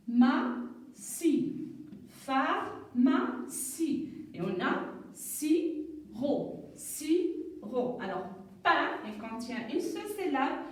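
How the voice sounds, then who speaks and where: A woman teacher giving a beginner reading lesson, sounding out words slowly and clearly, syllable by syllable, heard in an echoey room from afar. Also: high voice, darkish tone, recorded from a distance. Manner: slow, clear, syllable-by-syllable explanation.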